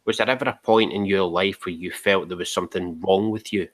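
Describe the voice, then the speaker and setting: A man's voice: low voice, fairly even intonation, a little fast. A man interviewing a guest in a casual conversation, asking short questions and dropping in brief listening sounds.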